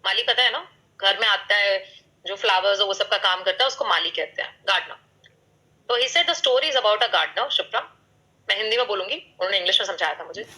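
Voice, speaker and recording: A woman's voice: mid-range voice, fast, bright, forceful tone, poor audio. A woman, probably in her thirties, giving a motivational talk at a business meeting. She mixes Hindi and English, asks the audience questions and uses sound words and vivid examples.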